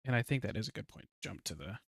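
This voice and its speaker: A man's voice: lowish voice, expressive, very fast, creaky, a bit bright, no echo. A man hosting a casual recap of a tabletop campaign, rambling and restarting phrases as he talks.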